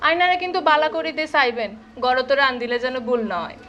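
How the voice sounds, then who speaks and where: High-voiced woman with a Chittagong Bengali accent. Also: fast talker, dull audio, a little hiss or hum. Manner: addresses viewers and asks step-by-step questions. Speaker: cooking show host. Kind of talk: casual cooking show presenting. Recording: loud music over the talk. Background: music, frying and sizzling sounds.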